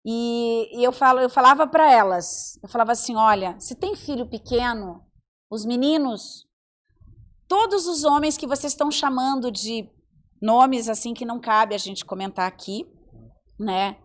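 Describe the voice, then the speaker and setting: Animated woman telling stories on a podcast. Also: a little high, normal speed. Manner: animated storytelling, acts out quoted voices. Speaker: psychologist and communication mentor. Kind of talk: podcast conversation.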